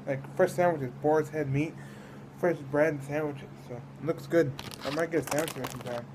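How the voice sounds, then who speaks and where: A man's voice: a little high, fairly even intonation, moderate pace, noisy background. A man from the United States giving a casual, rambling food review, often trailing off mid-thought. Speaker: snack reviewer.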